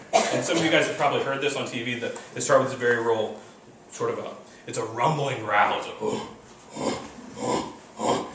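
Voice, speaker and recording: Guy teaching a class, super animated, lots of "right?", booming echo, mic way off. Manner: animated, mimics animal calls, keeps asking "right?". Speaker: lecturer. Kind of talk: classroom lecture. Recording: echoey hall, mic far off, faint noise.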